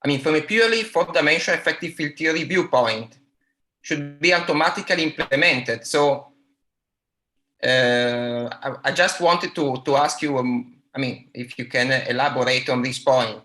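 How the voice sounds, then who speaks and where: Guy asking a q over a call, lots of uhs, bright kinda tense voice. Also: a little high, echoey room. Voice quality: quiet at first. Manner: halting, many fillers and restarts. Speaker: audience member asking a question. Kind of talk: academic Q&A over a video link. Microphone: remote call microphone.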